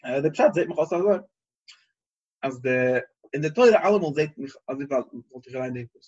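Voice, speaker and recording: A husky-voiced man teaches a Torah class, thinking out loud and circling back over his words as he reasons. The recording is dull and lo-fi. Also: mid-range voice, expressive. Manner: halting, searching, repeats phrases while reasoning.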